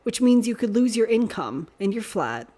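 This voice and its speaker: A woman's voice: fairly high pitch, very animated, moderate pace, warm tone, voice pushed up. Sirius: a woman doing a cheeky young man. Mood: teasing, frank. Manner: teasing, blunt and frank.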